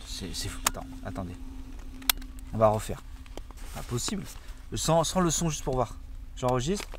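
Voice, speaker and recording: A young man narrating a paranormal investigation from a tent in a forest, explaining each step eagerly and often dropping to a hush. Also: mid-range voice, very animated, moderate pace, noisy background. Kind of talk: casual on-location narration.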